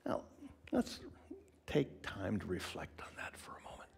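A man preaching a sermon in an expressive, conversational way, asking the listeners questions and often dropping to a whisper for emphasis. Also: low-pitched, a little fast, gravelly. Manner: conversational, asks the congregation questions.

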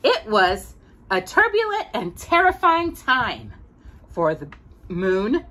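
A middle-aged woman runs a children's storytime, reading a picture book aloud to a child in a small indoor room lined with bookshelves. Her fairly high, bright, forward voice swoops with lively expression as she moves deliberately through each phrase. She stresses key words emphatically and clearly.

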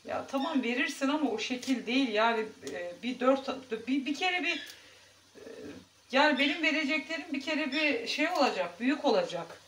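A woman chats to her viewers while she cooks at home, easy and talkative. Her voice is in the middle range and comes from a distance in an echoey kitchen. Cooking noise is clearly heard behind her. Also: sits high, animated, moderate pace, fairly bright tone. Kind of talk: casual cooking vlog chat.

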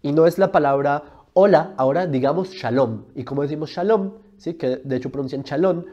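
This Colombian man hosts a religion video, delivering an argumentative explainer monologue that is emphatic and packed with rhetorical questions. His voice is fairly high and a little fast, and the lapel-mic studio recording sounds dull.

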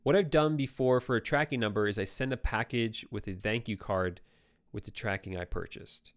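In his brick-walled home studio, a young livestream host answers a casual Q&A at normal speed through a close boom mic. His slightly low voice sounds worn and hoarse as he relaxedly reads out and responds to viewer comments.

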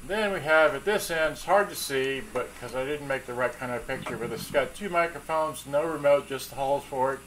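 Working at a cluttered workbench in his home, a middle-aged hobbyist repair video maker narrates a rambling, halting how-to off the cuff. He has a mid-range voice with a fairly bright tone. He's off-screen, and the camera mic's recording of the home workshop is clearly noisy.

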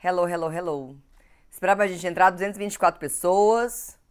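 A woman's voice: on the low side, brisk, clear, resonant tone. Chatty young woman greeting live viewers. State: has a cold. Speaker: nutritionist hosting an Instagram live. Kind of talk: casual live-stream chat. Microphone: home recording setup.

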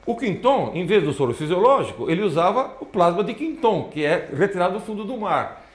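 Animated male lecturer in a roomy hall. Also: sits high, fairly quick. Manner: animated, points at slides with repeated "ó, olha só". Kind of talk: lecture to an audience.

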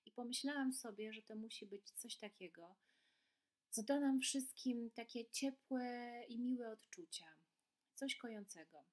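A woman reading a children's storybook aloud in a gentle, soothing way, then talking casually about it. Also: on the high side, measured pace, low-quality recording. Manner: gentle, soothing, with filler sounds. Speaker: workshop leader. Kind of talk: storybook narration.

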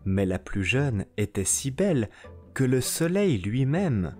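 A man's voice: medium pitch, big pitch swings, warm tone, soft background music. A man narrating a fairy tale in a scripted storytelling style. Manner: slow, melodic storytelling.

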